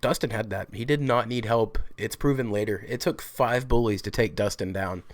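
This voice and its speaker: Sick guy w a lowish rough voice, blunt casual rant, dry close mic. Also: moderate pace, dry recording. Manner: blunt, irreverent, swears freely. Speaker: vlogger host. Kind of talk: casual ranting review.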